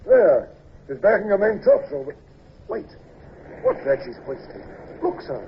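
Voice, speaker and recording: Brisk Captain Bush, muffled old radio. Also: male voice, on the high side, wildly swooping pitch, gravelly, heavily acted. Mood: dutiful, suspicious. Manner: deferential to superior, barks orders to crew. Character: dutiful, brisk naval captain, second in command. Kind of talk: old-time radio drama acting. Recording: muffled old radio recording, faint noise.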